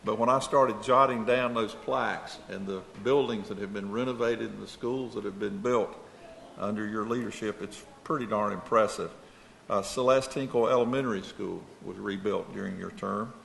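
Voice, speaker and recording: A man giving a formal speech at a public meeting, halting with many fillers and frequent throat-clearing. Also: on the low side, fairly even intonation, fairly bright tone. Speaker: board member presenting an award. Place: large meeting hall. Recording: echoey hall, faint room noise.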